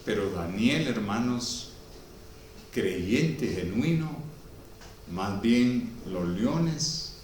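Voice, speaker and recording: A man preaching a sermon with a Guatemalan Spanish accent, swinging from loud exclamations to quiet storytelling. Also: on the low side, lively intonation, extremely slow, recorded from a distance. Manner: preachy, rises to loud exclamations then drops to soft storytelling. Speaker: pastor. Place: church hall. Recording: echoey room, speaker off-mic, faint background noise.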